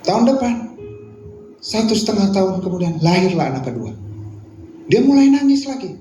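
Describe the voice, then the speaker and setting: A middle-aged male pastor preaching a sermon, swinging between loud, fervent appeals and quiet reflection. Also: high voice, big pitch swings, normal speed. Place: prayer meeting hall. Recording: echoey hall with music behind.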